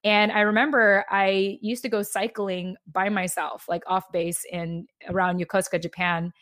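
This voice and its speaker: A woman's voice: mid-range voice, level tone, normal speed, a bit bright, no room sound, clean studio sound. A woman in her thirties hosting a podcast, chatting in an upbeat, talkative way with frequent restarts. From United States. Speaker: podcast host. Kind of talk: casual interview chat.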